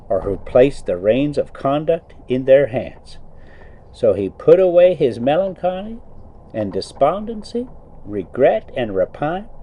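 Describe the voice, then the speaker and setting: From behind the wheel of a moving motorhome, this man performs a story with theatrical, folksy flair and slips in offhand colloquial remarks. The medium-pitched voice comes through with a lo-fi sound.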